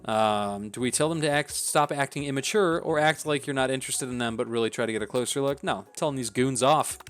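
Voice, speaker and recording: A man's voice: mid-range voice, brisk, fairly bright tone. A man hosting a let's play, reading a dating game aloud with wry, self-deprecating asides. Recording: faint background game music.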